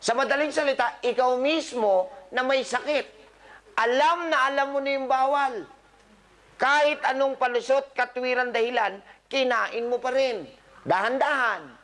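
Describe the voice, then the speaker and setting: A man's voice: very high-pitched, unhurried, a bit bright. A man, a doctor, giving a live talk to patients, scolding them with humor and quizzing the audience. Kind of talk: live motivational health talk.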